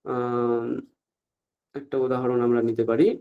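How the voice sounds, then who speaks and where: A man teaching Sanskrit pronunciation in an online class, often stopping to ask if everyone follows and saying the examples out slowly. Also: medium pitch, level tone, phone-quality sound. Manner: asks the class frequent check-up questions, slow deliberate recitation of examples.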